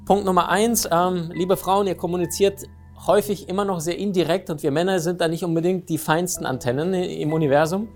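A man giving a lively motivational talk on relationships, often asking his listeners questions. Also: high voice, a little fast, faint music behind. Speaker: speaker on communication and relationships.

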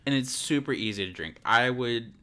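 A man co-hosts a casual podcast chat, joking around playfully, laughing often and stumbling over his words. His mid-range voice is expressive, bright, clear and resonant, with a forceful tone and a moderate pace.

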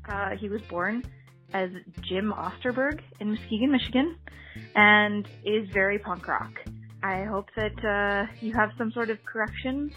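A woman's voice: mid-range voice, unhurried, bright, forceful tone, muffled recording, faint music behind. A woman leaving a call-in message for a podcast, rambling with many fillers. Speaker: caller and guest.

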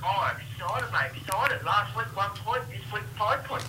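A man's voice: sits high, normal speed, bright, forceful tone, breathy edge, pitched above the performer's own voice, exaggerated voice. A man voicing a rowdy, tipsy, middle-aged football fan calling a radio show, with an Australian accent, slurring and repeating "mate". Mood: excited. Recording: noisy phone line.

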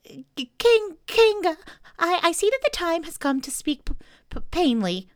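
Lady doing a tiny nervous boy piglet from a storybook, super high n stuttery, squealing and indignant. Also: very animated, moderate pace, a bit bright, heavily acted. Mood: indignant, brave. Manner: stammering, squealing protests. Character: small timid anxious male piglet, indignant and panicky.

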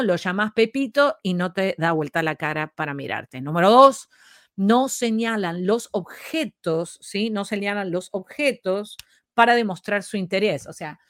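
A woman's voice: medium pitch, animated, measured pace, dry recording, clean studio sound. A woman presenting a program, explaining a list of points patiently and often checking in with her listener. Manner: explains patiently, checks in with repeated "¿sí?", counts items aloud. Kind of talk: explanatory talk show lesson.

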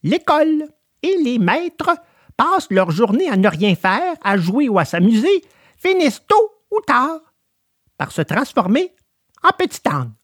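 Little marmot, gentle, consoling, wide swooping pitch, dry sound. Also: female voice, big pitch swings, measured pace, dry recording. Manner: consoling, sighing. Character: small female marmot, gentle and wise. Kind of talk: storybook drama.

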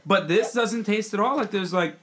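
A man's voice: high-pitched, moderate pace, over a noisy crowd. Rambling man, casual podcast chat. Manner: rambling, chatty, trailing off into restarts. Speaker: podcast co-host.

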